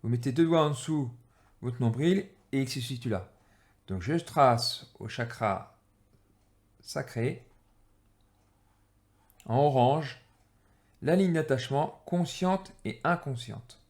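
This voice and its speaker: Halting French-speaking man explaining as he draws. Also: medium pitch, lively intonation, darkish tone. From France. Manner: halting, many fillers and restarts. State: low-energy, irritated. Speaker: energy-healing teacher. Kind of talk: explaining while drawing.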